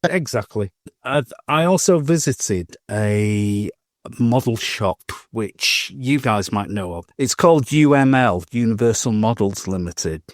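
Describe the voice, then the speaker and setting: A man with a somewhat low, expressive voice speaks at a measured pace on a dry, clean studio recording. Co-hosting a modelling podcast, he tells shopping stories in casual, chatty, rambling fashion, laughing and restarting as he goes.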